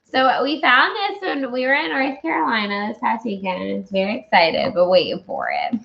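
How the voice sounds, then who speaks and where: A woman's voice: a little high, very animated, moderate pace, gravelly. Tipsy woman rambling in dull lo-fi sound. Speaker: movie reviewer and host. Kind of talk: casual tipsy movie review chat.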